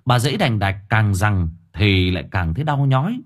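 A man narrating an audiobook story in a lively, expressive way. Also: fairly low pitch, normal speed.

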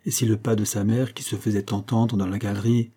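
A man reads a classic novel aloud with measured, literary narration. His voice is dark and mellow, with a husky edge to it. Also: lowish voice, little pitch movement. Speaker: audiobook narrator.

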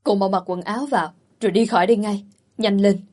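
In a storybook reading, a woman voices a young master torn up and angry, snapping short orders. The tone stays husky and ordinary in pitch. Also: steady tone, fast, a little mellow, close to an everyday voice. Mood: irritated. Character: young man, troubled and angry.

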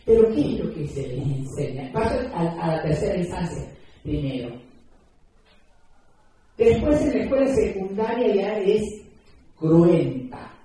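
Woman, mellow voice, emphatic speaker at a talk, miked from afar. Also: fairly low pitch, sing-song, measured pace, pauses often. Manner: earnest, emphatic, explains with examples and rhetorical questions. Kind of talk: public talk to an audience. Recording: echoey room, distant mic.

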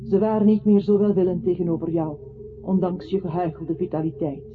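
Fairly quick and steady, this man's high voice stays close to everyday speech as he plays an earnest, lyrical radio-play narrator with articulate storytelling. The recording has a thin, phone-like radio quality and faint music.

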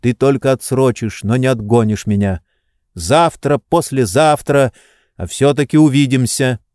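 A man voicing an energetic, insistent friend who urges and reproaches in an urgent tone. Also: mid-range voice, unhurried, dry recording, clean studio sound, close to an everyday voice.

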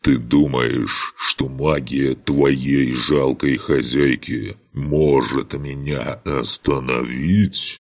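Man voicing a deep echoing monster lord. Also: steady tone, full character voice. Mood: menacing. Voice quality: deep and gravelly. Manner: slow, sneering and contemptuous. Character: ancient menacing male monster servant of a dark god. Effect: booming cathedral-like echo under stone vaults. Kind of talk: audiobook character voicing.

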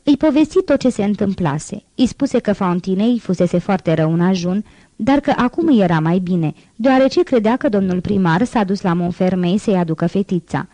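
A woman narrating a classic novel in an audiobook, reading in a measured, even way. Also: medium pitch, no echo. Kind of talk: scripted narration.

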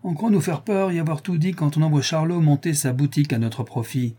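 Un homme lisant à voix haute prête sa voix à un jeune détenu qui se vante en imitant les autres. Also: male voice, on the high side, brisk, dark tone, husky, pitched above the performer's own voice. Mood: boastful. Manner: bragging. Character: bragging young male convict, imitating bravado.

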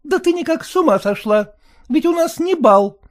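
A reader voicing a fussy, fretful middle-aged merchant's wife who scolds in a shrill, raised voice. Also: female voice, animated, moderate pace. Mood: scolding.

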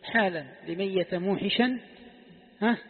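A man teaching a classical text lesson as a sheikh asks his students questions and repeats key phrases. His voice sits high, with a breathy edge and a slightly slow pace. The recording has the echo of a hall and a tinny, phone-like sound.

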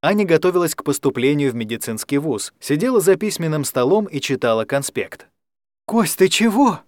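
A man narrating an audiobook with an animated, widely moving voice that sits somewhat high for a man. The recording is close and dry, with no room sound. His reading is expressive and storytelling in tone. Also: a little fast, dry recording. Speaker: audiobook reader.

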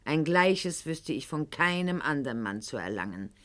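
In a radio drama monologue, an actress plays a proud, calculating noblewoman of the eighteenth century, speaking to her husband with formal, haughty, eloquent diction. Her voice sits low yet is very animated and slightly bright, at a moderate pace, conveying cool resolve.

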